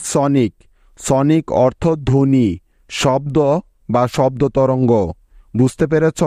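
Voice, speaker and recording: Patient male tutor, unhurried spelling lesson, dry close sound. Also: medium pitch, dark tone, no room sound. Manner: patient, checks in with learners. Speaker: English reading teacher. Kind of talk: slow step-by-step spelling lesson.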